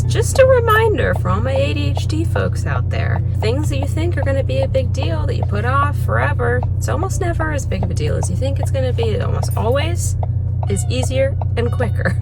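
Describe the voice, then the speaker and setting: A woman's voice: a little high, gravelly. A young adult woman vlogging in a candid, chatty way, still congested from a cold. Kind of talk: casual vlog chat. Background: music.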